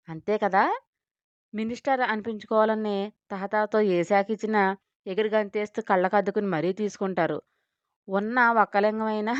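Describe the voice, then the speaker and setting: A woman's voice: medium pitch, dry recording, dull audio. A woman narrating a serialized audio drama, reading out every character's lines in her own voice. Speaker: storyteller. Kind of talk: scripted audio story narration.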